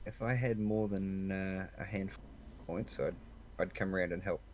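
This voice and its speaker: A man's voice: deep voice, steady tone, moderate pace, slight background noise. A man with an Australian accent talking casually as a co-host on a live game stream, laid-back and rambling.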